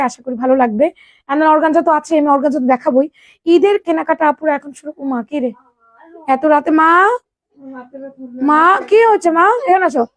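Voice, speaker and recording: A woman sells clothes on a live stream. She speaks softly, greets viewers by name and keeps checking that they can hear her. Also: high voice, no echo. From Bangladesh. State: sore throat, speaking softly. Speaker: online clothing seller.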